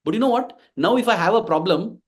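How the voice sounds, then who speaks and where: A man's voice: sits high, lively intonation, fast talker. A man in his forties with an Indian English accent, giving an emphatic devotional talk to a congregation and acting out the dialogue in his stories. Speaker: invited speaker at a devotional gathering.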